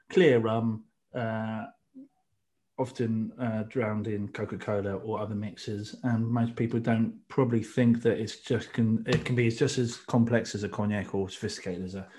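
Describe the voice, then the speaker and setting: A man's voice: medium pitch, level tone, unhurried, a little mellow. A middle-aged man co-hosting a casual drinks podcast, explaining at length with many restarts. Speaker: podcast co-host. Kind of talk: casual chat about drinks tasting.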